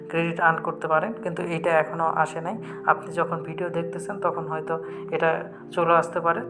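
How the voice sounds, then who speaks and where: Speaking fast and flatly, a Bangladeshi-accented man guides viewers through an app in a step-by-step tech tutorial. His voice is a little high, and background music plays clearly throughout.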